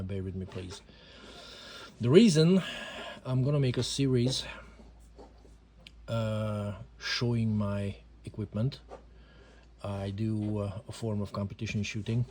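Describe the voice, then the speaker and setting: In a casual home video, a man from Hungary hesitantly explains a handgun in accented English, his second language, with many fillers. The amateur gun reviewer's voice is lowish with a darkish tone, accompanied by a little hiss or hum.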